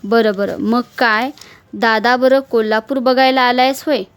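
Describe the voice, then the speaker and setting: A wry, questioning market clerk, a middle-aged man who talks in rustic speech, voiced by a woman narrating a story. His voice sits a touch high, and faint music plays underneath. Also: fairly even intonation, measured pace, smooth.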